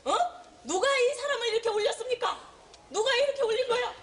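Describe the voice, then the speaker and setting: A woman's voice: extremely high pitch, expressive, a little fast, noisy background. A woman in a comic courtroom sketch playing a prosecuting lawyer, scolding and accusing with comic indignation.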